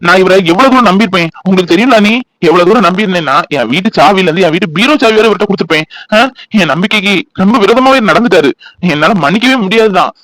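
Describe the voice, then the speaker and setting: Man doing a grumpy middle-aged cartoon husband, snaps fast and sarcastic, dry close sound. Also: sits high, animated, a bit bright, no echo, rough recording. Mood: bitter. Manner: scolding, sarcastic, rapid. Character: gruff resentful husband, middle-aged, quick-tempered.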